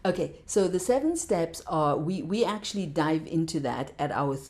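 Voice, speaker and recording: A woman's voice: low voice, animated, moderate pace, darkish tone. A middle-aged woman, a meditation teacher, talking with passion as a podcast guest and repeating words for emphasis. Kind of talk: casual interview talk.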